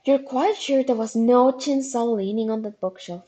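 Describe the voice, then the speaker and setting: A woman reading a webcomic aloud on a live stream, animated and casual, with quick asides. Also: fairly high pitch. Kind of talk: casual live read-along.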